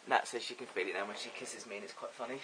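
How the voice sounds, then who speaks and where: A man talks to camera in a loose, rambling vlog, amused at himself and full of ums. His voice is bright and forceful, with a little hiss in the background. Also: lowish voice, fast, rough recording. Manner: chatty, rambling, self-amused, frequent ums. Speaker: vlogger.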